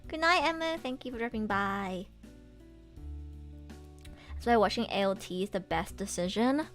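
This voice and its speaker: A young woman livestreamer talks in a chatty, bubbly way full of anime-fan slang, at an average pitch for a woman. She is recovering from oral surgery and has stitches in her mouth. Music plays behind her voice. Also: moderate pace, a bit bright. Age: young adult. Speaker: livestreamer and voice actor. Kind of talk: casual livestream chat with viewers.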